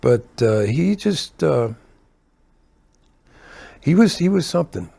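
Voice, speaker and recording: A man's voice: a little high, big pitch swings, slow, vocal fry, dark tone. An older man, a keyboard player, telling stories from his touring days in a casual, rambling way, often correcting himself and chuckling between asides. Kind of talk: casual anecdotal storytelling.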